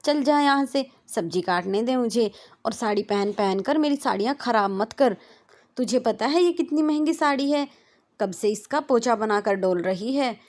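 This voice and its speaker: A woman voicing a middle-aged mother who scolds in a brisk, nagging way. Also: a little high, lively intonation, a little mellow, pitched above the performer's own voice, lightly acted. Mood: scolding.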